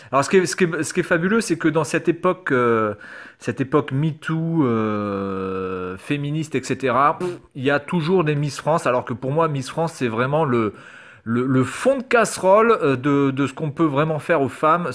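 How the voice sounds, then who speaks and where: A YouTuber with a medium-pitched, slightly bright male voice reads quiz questions aloud and answers them in a casual screen-recorded commentary. He is sarcastic and hesitant and swears now and then.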